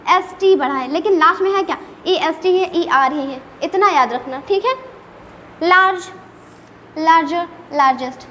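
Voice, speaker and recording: Her very high-pitched voice is bright and forceful as she teaches English grammar classroom-style. She keeps throwing rhetorical questions at her students in a playfully scolding way, and the audio carries long reverb with a faint hiss of background noise.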